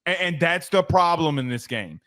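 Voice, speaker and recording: Man, podcast co-host, casual sports chat, stammering restarts, fairly high voice. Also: animated, normal speed, bright, forceful tone.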